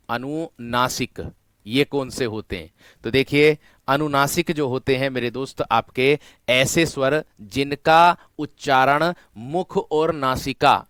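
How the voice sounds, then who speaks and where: Man, teacher, slow paced, drawn-out repetition, smooth clear voice, dry close sound. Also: mid-range voice, fairly bright tone, no echo. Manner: repetitive, drawn-out stressing of key words; often addresses students as "my friend". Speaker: Hindi teacher for exam prep. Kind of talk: online class lecture.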